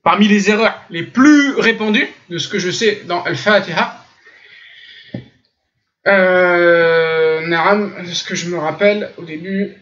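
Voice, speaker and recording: French guy giving an online lesson, keeps correcting letters by sounding them out, high bright voice, muffled chat-room audio. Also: slow. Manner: corrects pronunciation by demonstrating sounds, emphatic and insistent. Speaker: Islamic teacher. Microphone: computer mic in online voice chat room.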